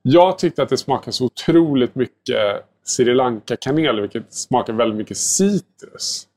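Laid-back male baker chatting. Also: mid-range voice. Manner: relaxed, rambling, heavy filler words and mild swearing. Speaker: guest, baker and pastry chef. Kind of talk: casual podcast chat.

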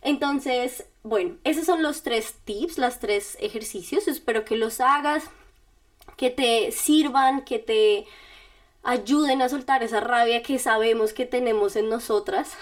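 A woman's voice: on the high side, unhurried. A woman podcast host giving casual step-by-step self-help directions, speaking straight to the listener in a chatty, informal way. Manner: chatty and informal, with little laughs.

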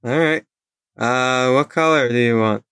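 A man's voice: medium pitch, measured pace, a bit bright, clean tone, dry recording, clean studio sound. A man playing a tabletop game, earnest and considerate with his character's companion. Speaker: player. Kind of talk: casual tabletop play.

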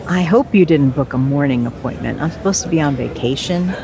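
An actress playing a cheeky mother in her sixties, wry and lively. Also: low voice, brisk, a crowd in the background. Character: cheeky newly retired mother.

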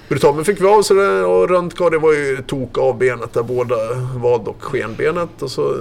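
A man's voice: medium pitch, gravelly. A man and former ski racer, casually retelling a story in a vivid, loose way with fillers and the odd curse.

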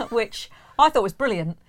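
A woman's voice: on the high side, expressive, slow, slight background noise. A woman co-hosting a trivia podcast, casually quizzing her co-host and reeling off facts in a chatty way.

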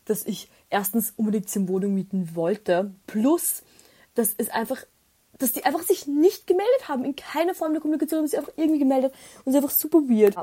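A woman's voice: sits high, lively intonation, fast, mellow, breathy edge. A young woman chatting casually as a podcast host, rambling through a story with many fillers.

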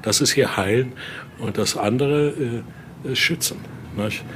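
In a noisy indoor exhibition room, an older museum guide and interviewee talks off the cuff, tour-guide style, explaining things and telling stories with lots of small question tags. He speaks at a measured pace in a medium pitch.

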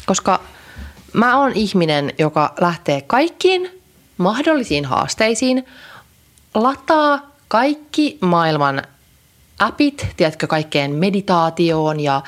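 A woman's voice: lowish voice, very animated. A young adult woman co-hosting a podcast, chatting in a rambling way with many fillers and restarts. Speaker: podcast co-host. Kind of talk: casual chat.

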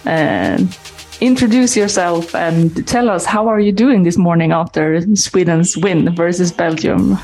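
Woman podcast host, low-ish voice, hesitant with lots of fillers, faint music behind. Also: measured pace, a little mellow. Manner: hesitant, many fillers and restarts. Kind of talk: casual podcast chat.

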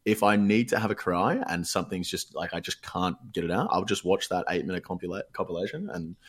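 A young man with a very low, deep voice, chatting casually. He sounds laid-back and slangy, with swearing dropped in freely. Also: a little fast, breathy edge. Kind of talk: casual chat.

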